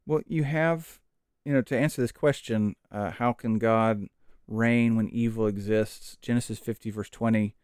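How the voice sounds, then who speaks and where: A middle-aged man hosting a podcast, talking in a relaxed, chatty way with fillers and side stories during a Bible study conversation. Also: on the low side, moderate pace, smooth, no echo, studio quality. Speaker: podcast host.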